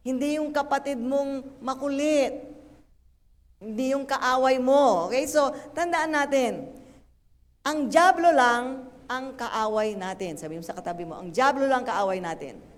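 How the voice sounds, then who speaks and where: A woman pastor preaching a lively, playful sermon, slipping English phrases into her talk. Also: high-pitched. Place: church hall. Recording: echoey church hall.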